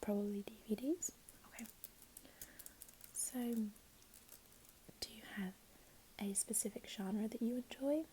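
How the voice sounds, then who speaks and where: A woman playing a helpful, chatty librarian in a whispered role-play, speaking in a gentle, unhurried library whisper. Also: on the high side, slight background noise, close to an everyday voice, rough recording. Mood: helpful, calm. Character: helpful, chatty female librarian signing up a patron.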